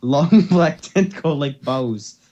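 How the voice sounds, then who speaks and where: A man with a fairly high, expressive, mellow voice reads slowly through lo-fi audio. He hosts an amateur fan fiction reading, tripping over words and repeating phrases in this amateur dramatic story performance.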